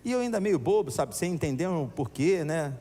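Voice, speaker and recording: A man preaching a sermon as pastor, animated and acting out voices in his stories. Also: a little high, moderate pace. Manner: animated, acts out voices in anecdotes. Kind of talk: storytelling sermon. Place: church. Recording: echoey church hall.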